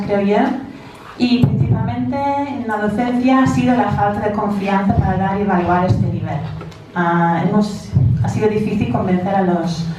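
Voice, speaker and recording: A woman with a non-native, English-speaking accent in Spanish gives an informal conference presentation as a teacher, haltingly searching for words. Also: medium pitch, mellow. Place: large echoey indoor room. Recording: very echoey room, distant mic, faint noise.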